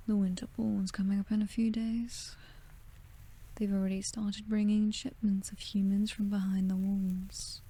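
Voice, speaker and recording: A British-accented woman voices a seductive vampire mistress, doting but condescending and quietly threatening, in breathy whispered ASMR. She speaks somewhat slowly in a warm, mid-range, level voice, pausing often, and the mood is silky and possessive.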